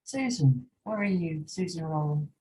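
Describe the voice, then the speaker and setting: A woman's voice: low-pitched, animated, moderate pace, mellow, rough recording. A woman hosting an online seminar, politely calling on each guest by name over a video call. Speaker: seminar host.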